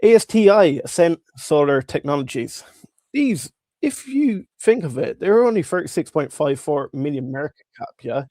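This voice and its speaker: A man hosts a casual market livestream with a thick, congested voice, as if through swollen tonsils and a head cold. There is a gravelly creak in it. He talks informally and directly to viewers, and the sound is dry and close. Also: fairly high pitch, sing-song, normal speed, a little mellow, dry recording. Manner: informal, chatty, addressing viewers. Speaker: livestream host. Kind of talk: casual live stock market commentary.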